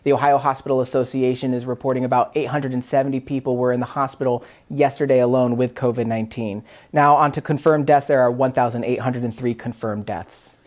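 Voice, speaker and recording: A woman's voice: a bass voice, fairly even intonation, a little fast, a little mellow. A woman news reporter carefully reading out statistics live in a studio. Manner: careful, repeats figures.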